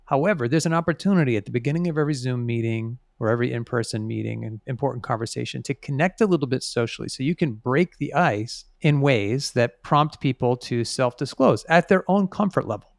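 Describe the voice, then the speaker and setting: A man's voice: medium pitch, lively intonation, brisk, vocal fry, few pauses, no echo, studio quality. A man interviewed as an author, explaining things conversationally and stressing key words.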